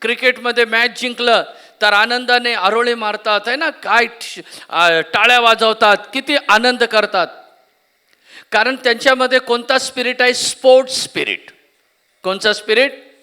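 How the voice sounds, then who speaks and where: A man's voice: very high voice, moderate pace, sharp tone, clear, resonant tone. A man preaching a sermon at a church conference, often asking the congregation questions and repeating key words. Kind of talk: Marathi sermon.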